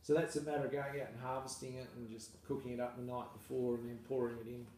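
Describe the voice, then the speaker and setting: An Australian man, a farmer, talking casually and at length in an interview, relaxed and self-deprecating. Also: mid-range voice, fast talker. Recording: echoey room, mic far off, faint noise.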